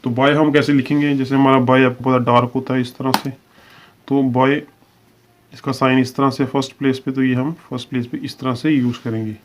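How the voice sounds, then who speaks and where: Fairly quick and with little pitch movement, a man's mid-range voice leads a step-by-step shorthand video lesson over a little hiss or hum. He explains examples patiently, repeats his phrases, and stretches out the example words on a dull, lo-fi recording.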